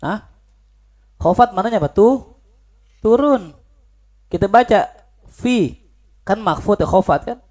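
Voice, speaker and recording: A male religious teacher gives an informal lesson with a slightly high-pitched voice. He keeps asking his listeners questions and then answers them himself, in a lively, playful way. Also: measured pace, long pauses.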